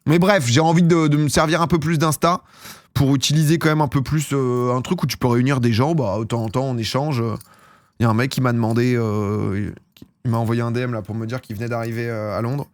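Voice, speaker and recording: A man's voice: mid-range voice, fairly even intonation, fairly quick, no echo, studio quality. A young man from France chatting casually on a live stream, rambling and slangy, often laughing at himself. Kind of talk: casual chat with chat viewers.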